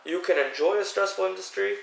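Young male co-host, quick and gravelly, bright tone, animated storyteller. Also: sits high, echoey room, far from the mic, rough recording. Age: young adult. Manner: fast, animated anecdotes with many fillers. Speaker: podcast co-host, event DJ. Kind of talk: casual group chat.

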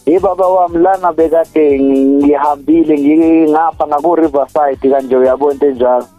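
Male radio guest, Zulu accent, fairly high voice, slangy casual talk with repetitions, dry sound over music. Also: fairly even intonation, fairly quick, dry recording, phone-quality sound. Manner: slangy, repeats words as he talks.

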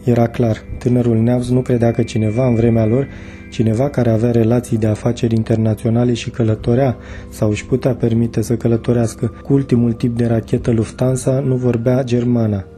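A male narrator reads a novel excerpt steadily and evenly. His voice is dark and mellow, with faint music underneath. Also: mid-range voice, level tone. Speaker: audiobook narrator. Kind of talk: scripted narration.

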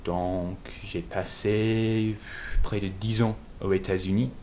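Un homme venu d'Angleterre, de langue maternelle anglaise, qui répond en interview d'un ton hésitant en cherchant ses mots. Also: male voice, on the low side, level tone, darkish tone, slight background noise. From England. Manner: halting, searching for words. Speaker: guest. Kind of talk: interview answers.

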